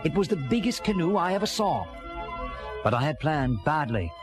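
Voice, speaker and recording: An actor plays an earnest castaway sea captain, reflectively telling his own story in theatrical first-person storybook narration on an early-1980s children's record. His fairly high voice swings widely in pitch at a moderate pace, over a bed of dramatic background music.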